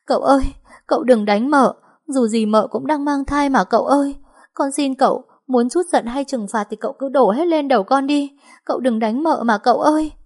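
Woman doing a shrill young servant girl. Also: normal speed, a little mellow. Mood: pleading. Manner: shrill, crying and begging. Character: frightened young female servant girl, pleading.

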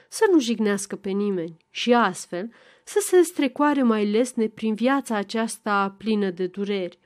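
A woman with a fairly high voice narrating an audiobook. She reads at a measured, even pace in a calm storytelling manner. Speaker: volunteer audiobook reader. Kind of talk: audiobook narration of a classic novel.

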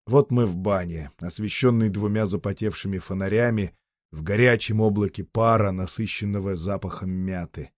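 Brief: low-pitched male audiobook narrator, steady and measured, dry close mic. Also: no echo. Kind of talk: audiobook literary reading.

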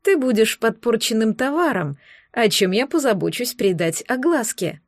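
A woman voicing a smug, cruel male sorcerer in an audiobook, speaking in a honeyed, sneering, deliberate way. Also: on the high side, lively intonation, no room sound, studio quality. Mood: menacing. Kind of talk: audiobook character voice.

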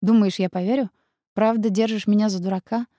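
A woman's voice: mid-range voice, fairly even intonation, a little fast, dark tone, no echo, clean studio sound, lightly acted. A woman reading an audiobook, voicing a stubborn young man who threatens his rival. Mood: threatening. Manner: cold, threatening.

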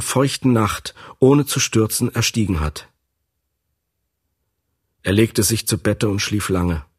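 A man narrating a classic novel for a radio reading, with an expressive, dramatic delivery. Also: lowish voice, husky. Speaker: audiobook narrator. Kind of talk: scripted literary narration.

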